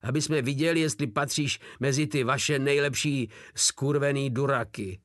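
A man's voice: mid-range voice, fairly even intonation, a bit bright, dry recording, clean studio sound, natural voice. A man voicing a hulking, foul-mouthed soldier who bellows crude threats. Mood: rowdy, crude.

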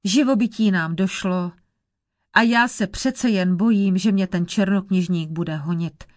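Woman reading cocky young shapeshifter lad, lively, fairy tale. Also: mid-range voice, dry recording, clean studio sound, close to an everyday voice. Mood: earnest. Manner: boastful, lively. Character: clever bold young son, a shape-shifter.

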